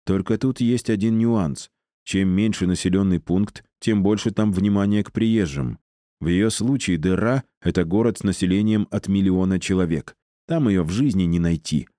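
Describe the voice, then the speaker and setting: Deep dark-voiced male audiobook narrator. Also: no room sound, studio quality. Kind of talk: scripted narration.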